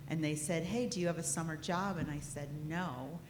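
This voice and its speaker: In a noisy, echoing conference hall, a fifties-aged woman with a thick Midwestern accent chattily presents herself as a financial aid trainer, poking fun at herself along the way. She speaks low-pitched at a moderate pace.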